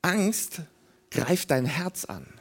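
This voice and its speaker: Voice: medium pitch, expressive, extremely slow. A preacher giving an emphatic sermon, addressing the congregation directly and repeating key phrases for weight.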